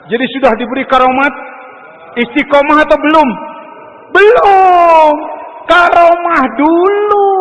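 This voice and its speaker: High-voiced Sundanese preacher in a hall. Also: male voice. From West Java, Indonesia. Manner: dramatic, swings between loud exhortation and hushed asides. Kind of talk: sermon.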